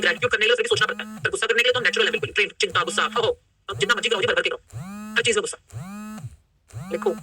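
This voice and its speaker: Rapid, sharp-voiced woman coaching online. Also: mid-range voice. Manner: energetic, coaxing, asks the group questions. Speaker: workshop coach. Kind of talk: live online workshop teaching. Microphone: laptop mic on a video call.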